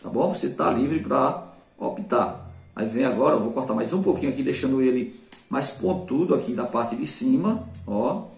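A man's voice: medium pitch, animated, moderate pace, creaky, darkish tone. A man with a Brazilian Portuguese accent teaching a craft step by step in a chatty way, often speaking to viewers and praising his work. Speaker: craft instructor. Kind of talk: casual step-by-step craft tutorial. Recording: roomy sound from a mic at a distance.

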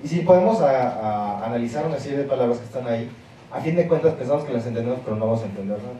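In a lecture hall, a man with a mid-range, mellow voice gives a university lecture, talking rapid-fire and expressively, explaining emphatically and checking in with the audience. The hall is very echoey, the mic sits far off, and audience noise is audible.

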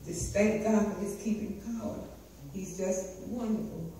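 A woman's voice: medium pitch, steady tone, unhurried, warm tone, slight background noise. Fervent woman leading a church service. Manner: fervent, exclaiming, with laughs. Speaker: worship leader. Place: large church sanctuary. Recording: echoey church from far off.

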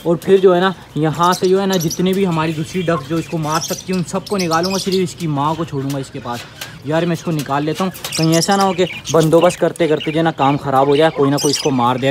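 Chatty high-voiced man among chirping birds. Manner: chatty, animated, exclaims at the birds. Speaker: pet vlogger. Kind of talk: casual vlog narration. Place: outdoor backyard with bird pens. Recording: noisy outdoor phone recording. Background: birds chirping and squawking.

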